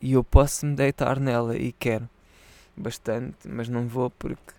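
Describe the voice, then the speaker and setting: A drunk man with a European Portuguese accent rambles on as a podcast host, circling back over his own words and swearing freely. His voice is gravelly and dark, with a mellow, low warmth. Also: flat delivery, a little slow, no echo. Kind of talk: rambling casual monologue to patrons.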